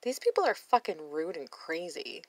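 Blunt, sassy woman reacting to a reality show; lowish voice, dry close mic. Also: wildly swooping pitch, normal speed, no room sound, poor audio. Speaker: reaction video host. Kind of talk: voice-over commentary on a reality show.

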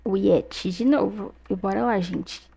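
A young Brazilian woman commenting casually on her gameplay, chatty and excitable, often exclaiming to her viewers at a desk mic. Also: medium pitch, a little slow, vocal fry, breathy edge. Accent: Brazilian Portuguese. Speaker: gaming youtuber.

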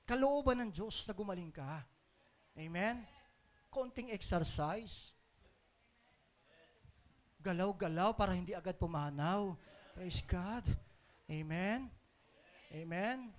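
A pastor from the Philippines preaching a Sunday sermon, swinging between soft asides and loud declarations, mixing in English phrases and chuckling between points. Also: medium pitch, takes it slowly, long pauses. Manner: mixes English phrases into the talk.

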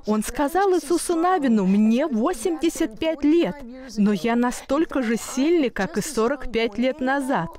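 Higher-voiced woman telling a faith story. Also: animated, a little slow, darkish tone. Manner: earnest, storytelling voice-over. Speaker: guest minister.

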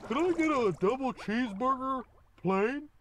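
A man's voice: very high voice, lively intonation, normal speed, heavy background noise, pitched above the performer's own voice. Young man putting on Patrick's goofy drive-through voice. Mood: dopey ordering. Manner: ordering at a drive-through in a put-on silly voice. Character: goofy dim cartoon starfish, adult male. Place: car at a drive-through window.

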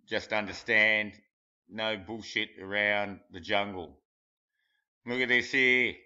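Scornful man, bright lo-fi voice. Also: on the low side, fairly even intonation, slow, clear, resonant tone. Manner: mocking, scornful, laughs at his own jokes; crude and blunt. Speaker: conspiracy video commentator. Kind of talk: rambling commentary over pictures. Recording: dull lo-fi home recording.

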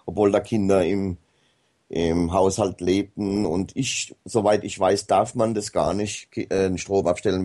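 Guy rambling on a radio call, low and mellow, lots of uhs. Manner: rambling, hesitant, many fillers. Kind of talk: casual radio talk.

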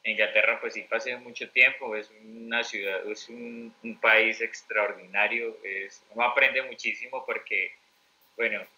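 A man's voice: on the low side, fairly even intonation, a little slow, sharp tone, poor audio. A Colombian man telling travel stories as an interview guest, rambling with many fillers and restarts. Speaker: interview guest, mentor teacher. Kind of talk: conversational interview storytelling.

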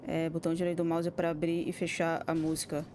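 A Brazilian woman streams a horror game and keeps up a casual running commentary to herself, swearing constantly and jumping with loud exclamations at every scare. Her low, warm voice moves fast in a monotone, and a faint hiss or hum sits under it. She speaks with a Brazilian Portuguese accent.

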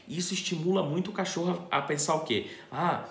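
A man's voice: on the high side, steady tone, fast, creaky, fairly bright tone. A man, a dog trainer explaining puppy training to camera, asking and answering his own questions. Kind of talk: instructional talk to camera. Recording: echoey room.

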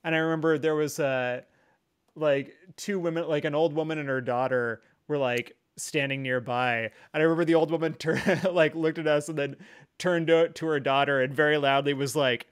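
A man with a somewhat high speaking voice talks candidly as a guest. He rambles through his thoughts, leaning on "like" and "you know," yet stays earnest and reflective throughout. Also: steady tone, normal speed, smooth. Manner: rambling, filler-heavy, frequent 'like' and 'you know'. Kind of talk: candid conversational chat.

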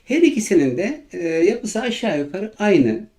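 Lively-voiced patient English teacher. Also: mid-range voice. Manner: patient, repeats each example slowly; hesitant fillers between phrases. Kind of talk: grammar lesson narration.

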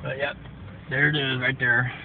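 A thin, phone-quality recording with heavy car noise all around the voice. A man at a middle pitch casually narrates his drive through a sandstorm, talking as an amateur storm vlogger does while filming. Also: flat delivery, normal speed, far from the mic. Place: inside a moving car in a sandstorm. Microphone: handheld phone in the car. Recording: tinny phone-like audio, loud car noise. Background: loud car and road noise.

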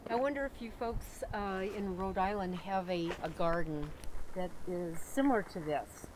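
A middle-aged woman guiding a casual walking tour of a garden, talking in a gentle, admiring way with many fillers. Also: lowish voice, normal speed. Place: outdoor botanical garden. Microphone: camera held by companion. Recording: outdoor noise on camera mic.

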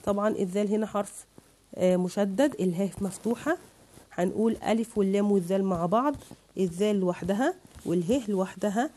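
Speaking fast in a medium-pitched, dark-toned voice, an Egyptian-accented woman gives an online lesson to children. She patiently splits words into syllables so her pupils can follow, her accent Egyptian Arabic.

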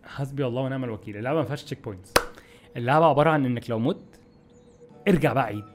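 A young man with an Egyptian Arabic accent, giving excitable, exasperated gameplay commentary to his viewers. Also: mid-range voice, rapid-fire, over music. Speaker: gaming YouTuber.

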